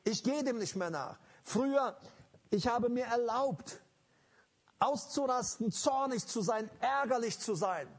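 A man's voice: extremely high pitch, expressive, unhurried. A man preaching a sermon, earnest and emphatic, speaking directly to his congregation.

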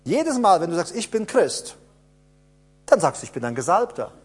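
A man preaching a sermon, emphatic and repetitive, asking rhetorical questions and swinging between hushed lines and loud bursts. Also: high voice, big pitch swings, moderate pace, slightly rough.

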